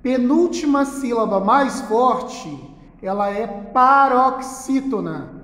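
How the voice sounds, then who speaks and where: A Brazilian man teaching a recorded school lesson in front of a whiteboard, patiently repeating key words slowly and checking in with "tá?". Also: extremely high pitch, animated, fairly bright tone. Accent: Brazilian Portuguese. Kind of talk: recorded online class lesson. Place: classroom with a whiteboard. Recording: echoey room with long reverb.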